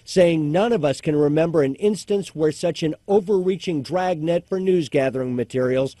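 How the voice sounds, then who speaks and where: Casting: male TV news reporter, fairly high voice with a soft dark tone, scripted report delivery. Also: moderate pace, no echo, clean studio sound.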